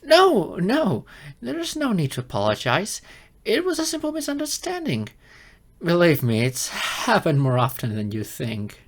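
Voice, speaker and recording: A young adult man, voicing a geeky young silver fox kitsune in an ASMR roleplay, speaks in a high pitch with huge swings and heavy acting at normal speed. The character comes across as flustered, hesitant and earnest, using slightly formal wording.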